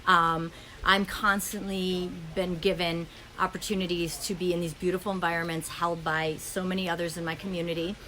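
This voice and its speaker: A woman hosting a podcast, speaking fast in a flowing spiritual monologue with many ums and restarts, recorded in a friend's home. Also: lowish voice, flat delivery, sharp tone, poor audio. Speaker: podcast host.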